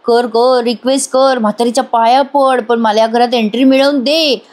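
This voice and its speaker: A woman's voice: fairly high pitch, fairly even intonation, normal speed, a little mellow, close to an everyday voice. A woman reading a two-faced, scheming young woman. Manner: two-faced, spiteful muttering. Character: scheming young woman, fake tears, spiteful.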